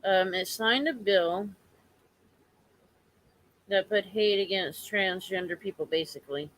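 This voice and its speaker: A woman going hoarse from allergies talks to her viewers during a relaxed home live stream. Her medium-pitched, somewhat bright voice comes across halting and sincere as she keeps returning to and restating points, all on a rough recording.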